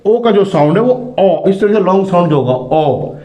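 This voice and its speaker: Man slowly spelling out vowel sounds. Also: high voice, expressive, warm tone. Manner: spells words letter by letter, repeats each sound slowly. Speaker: English teacher. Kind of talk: classroom phonics lesson.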